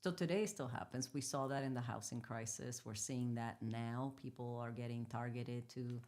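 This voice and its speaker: Dominican-born woman in her 50s, really deep voice, chatting candidly as the guest. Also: normal speed. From Dominican Republic. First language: Spanish. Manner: candid storytelling, animated retellings. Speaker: guest entrepreneur. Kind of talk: casual interview conversation.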